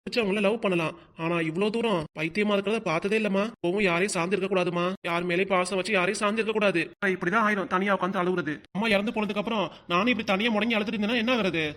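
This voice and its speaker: A performer voicing a fast-talking consoling village dad. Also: mid-range voice, steady tone, natural voice. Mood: coaxing. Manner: gentle, persuasive, lecturing. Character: middle-aged village father, patient and consoling. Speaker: father of the bride-to-be. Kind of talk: cartoon voice acting.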